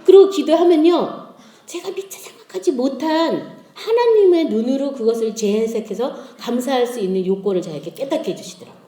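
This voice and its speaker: A middle-aged woman giving a testimony in church, telling family stories with lively laughter and acting out the dialogue. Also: high voice, fairly quick, roomy sound. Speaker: lay speaker giving a testimony.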